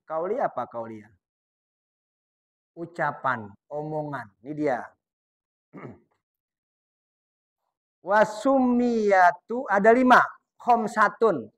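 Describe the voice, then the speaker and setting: A man with a voice on the high side teaches a dawn study session at a mosque. He poses questions and answers them himself, and recites prayer phrases slowly and softly.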